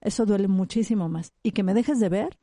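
With clean studio sound and no echo, this psychologist guest discusses her topic in a conversational interview. Her mid-range voice moves a little fast. She's animated and illustrates her points by acting out brief examples.

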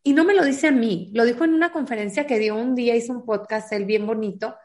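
Talking fast in a slightly high, somewhat mellow voice, this foundation founder appears as an interview guest. She earnestly relates a personal story and performs the quoted dialogue she recalls.

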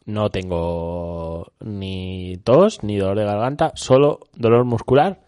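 A man from Spain hosts a local radio show, trading casual banter and often joking and laughing, his nose stuffy and congested. He speaks slowly in a low, dark, smooth voice with a Spanish accent, recorded on a studio microphone.

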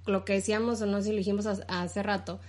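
A woman's voice: medium pitch, little pitch movement, fast, a little mellow. A woman in her thirties with a Mexican accent, co-hosting a casual chat and explaining ideas at length with frequent restarts. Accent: Mexican Spanish. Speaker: podcast co-host.

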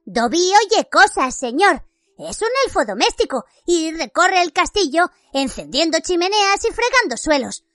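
Lady putting on a tiny squeaky elf guy, earnest and formal, voice jumps all over. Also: big pitch swings, measured pace, fairly bright tone, dry recording, faint music behind, heavily acted. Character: small eager male house-elf servant.

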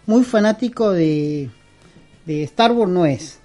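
Speaking slowly and expressively over music, a middle-aged Peruvian man with a high voice talks as a guest in a casual interview. He's a costume and prop maker with a Peruvian Spanish accent, and he rambles with lots of fillers and restarts.

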